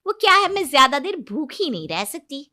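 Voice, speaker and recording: A woman putting on a bold mouthy young bride from a cartoon story, high and loud, talks back. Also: sing-song, a little fast, heavily acted. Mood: sweetly bossy. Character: sharp-tongued defiant young daughter-in-law.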